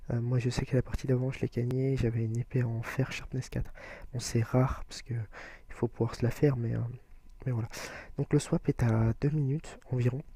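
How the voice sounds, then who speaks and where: A young man talks through his gameplay in a casual way, explaining each step with lots of hesitation fillers. His voice is gravelly and husky, very dark in tone, and stays fairly flat. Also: mid-range voice. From France. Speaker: gaming video creator.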